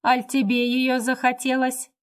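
A woman reading the part of a drunk, coarse man who gives rough, sneering commands. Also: sits high, completely flat delivery, measured pace, pitched above the performer's own voice. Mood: mocking.

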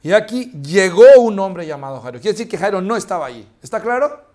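A male pastor preaching a sermon, animated, acting out dialogue and asking the congregation questions. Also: sits high, fairly quick.

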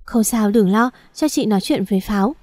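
A woman's voice: medium pitch, brisk, dry recording, clean studio sound, natural voice. A woman reading a worried young older sister. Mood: anxious. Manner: gentle, then quavering near tears.

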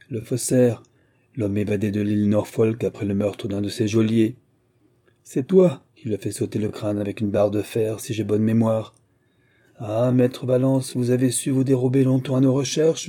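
A dogged veteran police agent from a storybook, commanding and hard, as a man reading aloud plays him. His lines come louder and higher than the narration, over a dark, husky timbre. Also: natural voice. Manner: stern, commanding.

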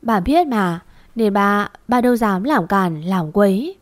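A woman's voice: mid-range voice, animated, dry recording, natural voice. A woman voicing a grieving old father. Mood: tearful. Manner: slow, choked, pleading. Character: aging grieving father, gentle and humble.

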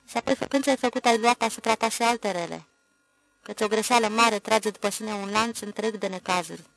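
Reader doing a stern village priest; gravelly, questioning, gently scolding. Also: medium pitch, no echo, natural voice, rough recording. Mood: admonishing. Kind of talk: audiobook character voice.

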